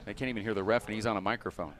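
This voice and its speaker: A man's voice: lowish voice, steady tone, racing. A man doing live play-by-play commentary at a handball match, chatty and upbeat, trading banter with his co-commentators. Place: handball show court. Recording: noisy live event broadcast.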